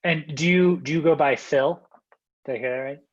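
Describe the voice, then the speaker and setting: A man's voice: fairly high pitch, moderate pace, dull audio, background noise. A man instructing a class, calling on students with brief, friendly prompts.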